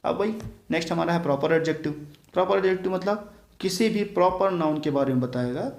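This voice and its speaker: A man's voice: fairly high pitch, a little fast. A man from Chhattisgarh teaching a grammar lesson, explaining patiently and checking often that his students follow. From Chhattisgarh, India. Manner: explains patiently, keeps adding tag questions to check understanding. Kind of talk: classroom grammar lecture. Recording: echoey room.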